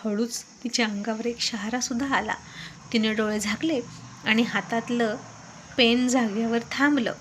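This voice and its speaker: A woman storyteller reading a scripted story in an even, descriptive way, with faint background noise. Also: a little high, a little slow. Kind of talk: scripted narration.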